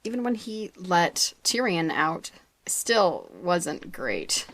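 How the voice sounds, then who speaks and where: A woman's voice: on the low side, big pitch swings, slow pace, fairly bright tone. A young woman co-hosting a podcast in casual chat, laughing often and stumbling over words. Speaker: podcast co-host.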